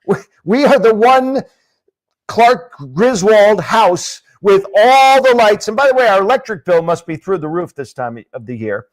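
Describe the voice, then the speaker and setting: High-voiced joking husband co-host. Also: male voice, measured pace, poor audio. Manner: teasing, deadpan jokey. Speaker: podcast co-host. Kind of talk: comedic couple banter.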